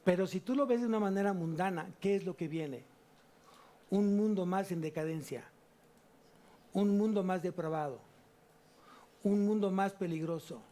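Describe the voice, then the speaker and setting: A man preaching a sermon in church, animated, asking the congregation rhetorical questions and answering them himself. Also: sits high, normal speed, pauses often. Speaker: pastor.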